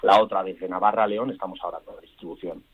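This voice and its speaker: A man's voice: low voice, steady tone, fast, slightly rough. Eager man on a phone line. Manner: enthusiastic, rambling, many restarts. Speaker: guest, entrepreneur. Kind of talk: radio interview on phone line.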